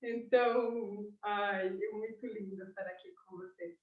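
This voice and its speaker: A woman, a teacher chatting warmly on a video call, laughing often. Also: mid-range voice, fairly even intonation, measured pace. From Argentina. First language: Spanish. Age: 40s. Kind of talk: casual chat on a video call. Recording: roomy, distant, dull sound.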